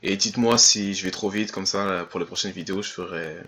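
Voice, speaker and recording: A man teaching a language lesson online. He speaks slowly and carefully, repeats each sound three times and pauses with fillers when he explains. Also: low-pitched, a bit bright. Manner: hesitant explanations with fillers and restarts.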